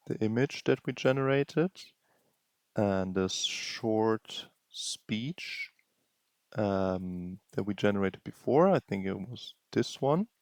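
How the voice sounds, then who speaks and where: A man narrating a software tutorial, explaining steps slowly and thinking aloud. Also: on the low side, dry recording, clean studio sound. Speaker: tutorial host. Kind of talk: screen-recording tutorial narration.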